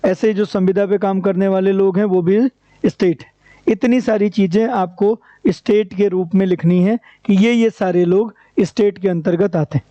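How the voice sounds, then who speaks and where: A man's voice: high voice, fairly even intonation, normal speed, warm tone, no echo. A man teaching an exam-prep lecture, asking rhetorical questions and answering them himself in a repetitive, drilling way. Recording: dry, dull lo-fi recording.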